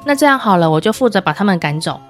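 A woman's voice: mid-range voice, sing-song, rapid-fire, lightly acted. A woman storyteller voicing a cunning, wheedling little male cat in a children's tale. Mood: earnest.

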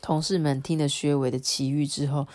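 Woman storyteller, lower-pitched, expressive read-aloud for children. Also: fairly quick.

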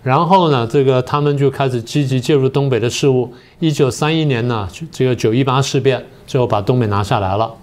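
An older man, a political science professor and guest on a talk show, explaining history in a slow, methodical way. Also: medium pitch, a little mellow. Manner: methodical, explains step by step with many pauses.

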